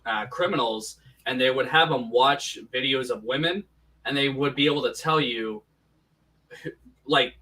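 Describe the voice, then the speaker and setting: A man's voice: mid-range voice, normal speed, sharp tone, distant mic. Man with a tinny, tin-can mic sound. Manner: rambling, many restarts. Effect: tinny tin-can sounding microphone. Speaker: podcast co-host. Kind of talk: casual chat. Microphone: poorly set up home microphone.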